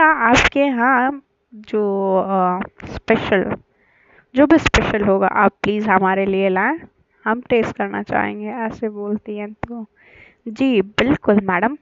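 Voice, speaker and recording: A woman's voice: medium pitch, no room sound, muffled recording. A woman casually telling a serialized love story, chatty and hesitant with fillers, lightly voicing the characters' lines.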